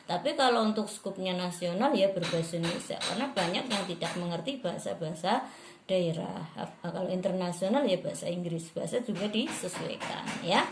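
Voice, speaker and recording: Lively woman lecturer in an echoey room. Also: fairly low pitch, a little fast, background noise. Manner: lively, models speech intonation aloud. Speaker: lecturer in rhetoric. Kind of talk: classroom lecture.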